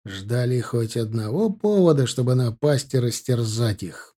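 Expressive male audiobook narrator, mellow. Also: medium pitch, unhurried. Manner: dramatic, expressive. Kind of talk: scripted narration.

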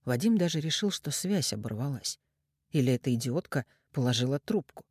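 A man narrating a crime story in expressive, scripted storytelling. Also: medium pitch, fairly quick, husky, no echo, studio quality. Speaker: audiobook narrator.

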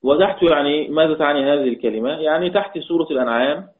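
A man teaching a recorded lesson on Quran recitation. He repeats key lines and quizzes his students, and chants the quoted verses slowly. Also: fairly high pitch. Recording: tinny phone-like audio.

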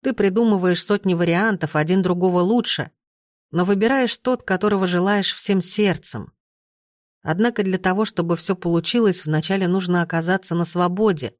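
A woman's voice: fairly low pitch, normal speed, dry recording, clean studio sound, lightly acted. A woman voicing a teasing young male ex-thief in an audiobook, speaking in light, mocking banter. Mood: earnest.

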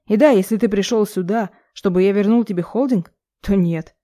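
A woman voicing a calm, sarcastic young man held in jail, coolly mocking his father. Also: mid-range voice, moderate pace, natural voice. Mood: scornful. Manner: cool, sarcastic.

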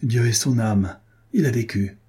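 Man reading young nobleman, commanding, dark husky tone. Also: medium pitch, measured pace. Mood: solemn. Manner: urgent, commanding. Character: young Huguenot nobleman, bold and warm-hearted. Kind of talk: audiobook character reading.

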